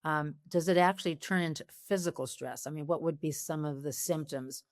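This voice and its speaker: A woman co-hosts a podcast, her voice sitting a little low. She asks curious questions with a light, joking touch, recorded close with no room echo. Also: fairly quick, a little mellow. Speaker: podcast co-host. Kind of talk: podcast interview.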